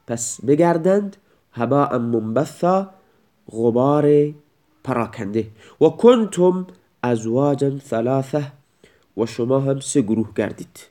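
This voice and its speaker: Man slowly teaching grammar, step by step. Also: mid-range voice, mellow. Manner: reads Arabic examples slowly, then explains them word by word. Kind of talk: recorded grammar lesson.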